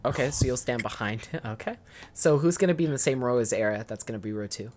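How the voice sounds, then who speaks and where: Young female game master with a strikingly low, expressive voice, chatty and organizing. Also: quick pace, slight background noise. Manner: chatty, organizing players with frequent "um"s. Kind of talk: running a tabletop game over voice chat.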